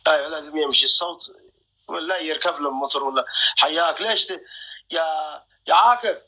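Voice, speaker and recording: A man's voice: fairly high pitch, a little fast, pushed and bright, slightly rough, lo-fi sound. A young man hosting a live stream. He jokes, boasts and keeps calling out to his viewers.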